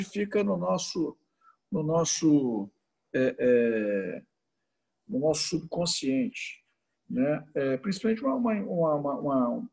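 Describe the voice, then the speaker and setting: A man's voice: on the high side, gravelly, darkish tone, breathy edge. A man speaking as a guest on a video call, answering questions with many hesitations and restarts. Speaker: tourism association president, guest speaker. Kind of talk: answering questions in an online talk.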